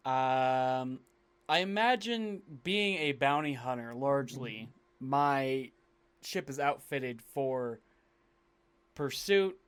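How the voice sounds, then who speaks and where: A man playing in a tabletop game, chatting casually in a relaxed, somewhat halting way. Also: mid-range voice, smooth. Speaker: player. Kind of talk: casual chat.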